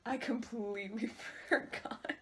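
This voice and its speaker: A woman's voice: fairly high pitch, fairly even intonation, a little slow, a bit bright, slight background noise. A woman co-hosting a casual read-along, chatting and giggling between passages. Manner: giggly, jokey commentary. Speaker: co-host. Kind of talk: casual chat.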